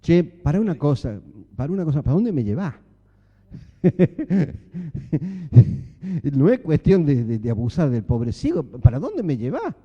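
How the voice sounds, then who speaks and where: A man's voice: on the high side, wildly swooping pitch, measured pace, pauses often, husky, long reverb tail, dull audio, exaggerated voice. A man voicing a blind man who protests at being led away, with an Argentine Spanish accent. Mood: protesting. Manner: protesting, questioning.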